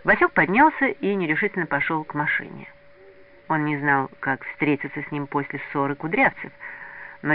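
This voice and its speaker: A man reading a story aloud in an expressive way. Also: fairly high pitch. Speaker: narrator. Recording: narrow lo-fi radio recording.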